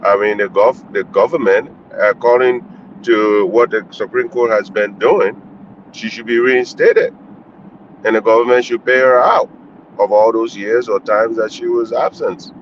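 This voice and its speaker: A man's voice: lowish voice, fairly even intonation, a little slow. A man calling in on a car speakerphone while driving, giving blunt, candid commentary in a casual call-in style. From Liberia. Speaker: caller commenting on the news. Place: inside a moving car. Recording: muffled lo-fi phone line with faint road noise.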